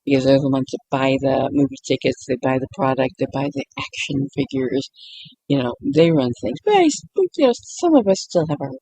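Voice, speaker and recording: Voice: mid-range voice, animated, a little fast, vocal fry, mellow, breathy edge, no room sound, poor audio. A YouTuber giving a casual late-night monologue meant to help people sleep, rambling with frequent restarts and often breaking into giggles.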